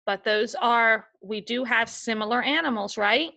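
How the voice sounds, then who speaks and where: A woman with a fairly high, creaky voice and a sharp tone speaks at a measured pace as an elementary school teacher. Her remote class of young children hears her read a picture book and give them patient, step-by-step directions.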